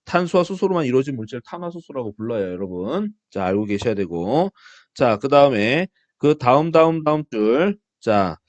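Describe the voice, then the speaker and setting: Animated male professor lecturing online. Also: medium pitch, moderate pace, no echo. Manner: animated, self-deprecating asides, asks students questions and answers himself. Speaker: university biology professor.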